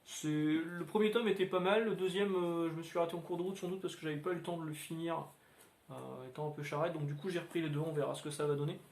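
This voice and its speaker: A man with a slightly high voice chats casually about his week's comics, hesitating and wandering between thoughts. He talks into a standalone mic in a roomy, echoey room at home. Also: fairly even intonation, quick pace, a little mellow. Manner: rambling, many filler sounds. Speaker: comics video host. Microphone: standalone microphone.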